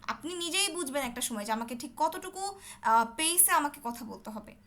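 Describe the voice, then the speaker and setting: High, bright-voiced woman tutor. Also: expressive, normal speed. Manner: explains patiently, checks understanding often. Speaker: English test tutor. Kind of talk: online teaching session.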